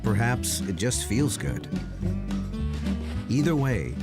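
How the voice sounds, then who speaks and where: A man's voice: medium pitch, sing-song, slow. A man reading scripted narration for a nature documentary. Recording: loud music behind narration. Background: music.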